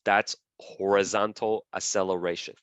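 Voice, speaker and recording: A man's voice: low-pitched, flat delivery, normal speed, a bit bright, clear, resonant tone, no echo. A man lecturing a class, repeating key terms as he draws and often asking "okay?" and "right?".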